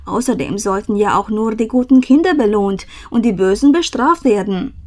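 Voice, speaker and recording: A woman reading an old German fairy tale aloud in a calm, measured storytelling manner. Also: mid-range voice.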